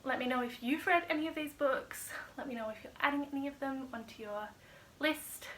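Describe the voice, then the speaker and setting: A woman's voice: high-pitched, brisk, a bit bright, slight background noise. A woman casually rambling through a monthly book wrap-up, chatty and wry, with plenty of "like" and "um". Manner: wry and self-mocking. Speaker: book vlogger.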